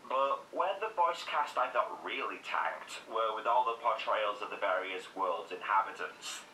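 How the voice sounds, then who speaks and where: A man's voice: fairly low pitch, animated, measured pace, sharp tone. A man narrating a scripted critical game review in a sarcastic, opinionated way. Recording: echoey room, distant mic, faint noise.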